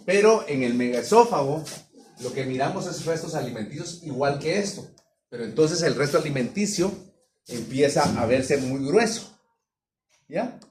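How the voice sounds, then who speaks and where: A man's voice: fairly high pitch, lively intonation, moderate pace, a little mellow. Lecturing man, echoey and distant. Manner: explanatory, checks in with students often. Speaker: veterinary anatomy lecturer. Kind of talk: classroom lecture. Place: classroom. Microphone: distant room mic. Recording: echoey room from far off, some noise.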